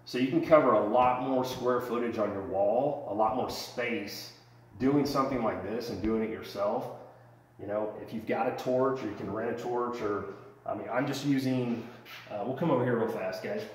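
Speaking at a normal speed in a mid-range voice, a thirty-something home renovation vlogger gives a casual, rambling how-to on a DIY woodworking project in a big unfinished basement. He's a few steps from the camera-mounted mic, so his voice sounds distant and off-mic, and the roomy basement echoes.

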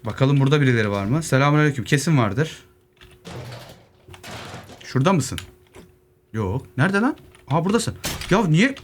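Lively young man narrating gameplay. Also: medium pitch, normal speed, pauses often. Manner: lively, joking asides to zombies, muttering while looting. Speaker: gaming YouTuber. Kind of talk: casual solo gameplay commentary. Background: keyboard clicks, faint noise.

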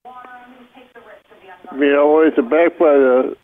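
A man answering a call over a landline phone, blunt and gruff, swearing casually. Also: fairly high pitch, big pitch swings, slow pace. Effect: heard over a landline phone. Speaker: call recipient. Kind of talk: phone conversation. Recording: tinny phone line.

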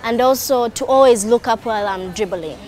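A woman's voice: on the high side, brisk, darkish tone. Earnest young female camper. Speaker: camp participant. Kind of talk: documentary interview.

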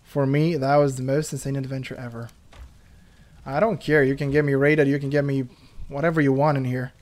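A man giving excitable let's play commentary, laughing and talking to himself as he plays. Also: mid-range voice, brisk. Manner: excitable, laughs, talks to himself while playing. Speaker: gaming YouTuber. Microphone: headphones on, desk mic.

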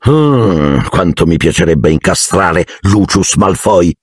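A man voicing an excitable, enthusiastic middle-aged wizard father. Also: sits low, takes it slowly, breathy edge, dry recording, studio quality, heavily acted. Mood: excited. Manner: excited, indignant bursts.

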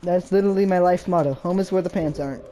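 A man's voice: sits high, quick pace, dark tone. A man playing a horror game with a friend, jumpy, easily startled and complaining in casual let's-play chat.

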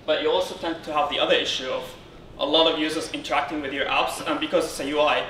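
A software consultant from Syria gives an informal technical conference talk on stage beside a lectern in a darkened room, often halting and rephrasing. His voice is a little high, bright and forceful, with fairly even intonation. The recording is roomy and distant, with noisy room sound.

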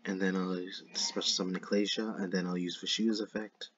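Low husky man with a slushy lisp. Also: flat delivery, brisk, a bit bright, dry recording. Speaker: YouTuber narrating a card game replay. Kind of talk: casual gameplay commentary. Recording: dull lo-fi microphone.

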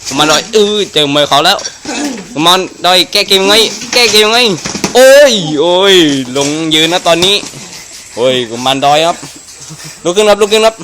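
A man doing excited Muay Thai boxing commentary, full of exclamations and rapidly repeated phrases. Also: sits high. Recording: noisy live event recording.

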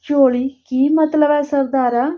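Woman reading a steady older man, kind but firm, in a high voice, storybook reading. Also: unhurried, muffled recording. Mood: concerned.

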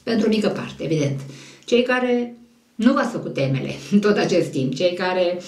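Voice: medium pitch, lively intonation, a little mellow, reverberant, distant mic. An astrologer giving a monthly horoscope in a conversational, digressive way that often corrects itself.

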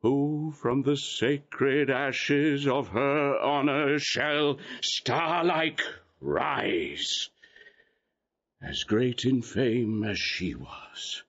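Through a muffled recording, an actor gives a full character voice to a Shakespearean archbishop, solemn and exalted, prophesying blessings. His male voice is on the high side and a bit bright, slow and solemn, delivered with reverent, oratorical declamation.

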